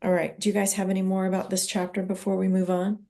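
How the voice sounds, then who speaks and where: A woman's voice: mid-range voice, completely flat delivery, fast talker, mellow. A woman hosting a casual book club discussion, explaining ideas and acting out short examples from her own marriage.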